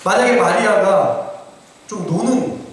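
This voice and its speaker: A man's voice: sits high, a little slow, slight background noise. A man pastor preaching a sermon, earnestly urging his congregation in direct address. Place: church sanctuary. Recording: very echoey church room, from far off.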